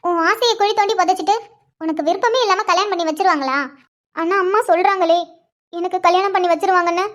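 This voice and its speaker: A calm, caring sister-in-law from a cartoon. Her voice is very high-pitched, and she talks in a soothing, reassuring way. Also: fast. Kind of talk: cartoon voice acting.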